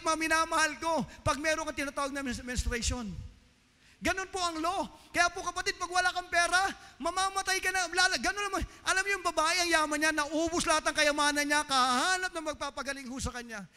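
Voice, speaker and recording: Very high-pitched fervent preacher, echoing hall. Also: male voice, a little fast, sharp tone. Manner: fervent preaching, Taglish, addressing the congregation as beloved. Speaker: pastor. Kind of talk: sermon.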